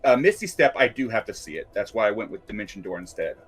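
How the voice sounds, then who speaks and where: A man's voice: fairly low pitch, very animated, fast, breathy edge. A man taking his turn as a player in a tabletop game, casually explaining his spell choices.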